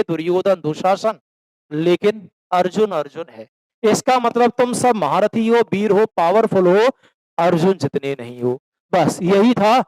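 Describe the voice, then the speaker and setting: Male coaching-class teacher, high voice, dry close sound, quizzes students and answers himself. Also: a little mellow, no echo, poor audio. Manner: calls students beta, asks and answers own questions; slips into rural dialect for examples. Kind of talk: classroom lecture.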